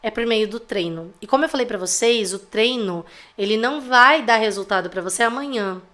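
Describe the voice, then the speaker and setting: A woman's voice: a little high, a little fast, pushed and bright. A woman with a Brazilian accent, a parenting educator teaching a live-streamed class in a chatty, teasing way, constantly checking in with her viewers. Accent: Brazilian Portuguese. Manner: chatty, teasing, fills with tag questions.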